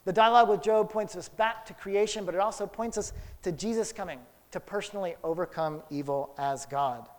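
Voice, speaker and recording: A man preaching a sermon, telling a childhood story and then drawing Bible lessons from it, with big swings between loud and soft. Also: sits high, fairly quick, few pauses. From Houston area. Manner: storytelling, dramatic swings in loudness. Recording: long hall reverb.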